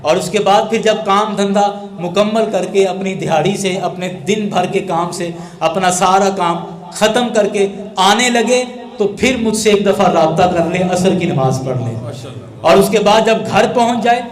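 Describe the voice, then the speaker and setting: A man's voice: high-pitched, echoey room. A man preaching a sermon as an Islamic scholar, building his points through a chain of rhetorical questions.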